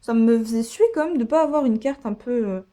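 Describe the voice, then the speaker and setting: A woman's voice: a little high, brisk, warm tone. A woman chatting casually as she opens trading card packs, gushing over the cards she pulls, with many fillers. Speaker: card-opening vlogger. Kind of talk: casual pack-opening commentary.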